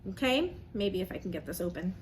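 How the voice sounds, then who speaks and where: Her medium-pitched voice is expressive and fairly quick, with a little hiss or hum in the recording. Speaking to camera, she leads an interactive children's lesson, explaining simply step by step, asking questions, and cheering on listeners as though they reply.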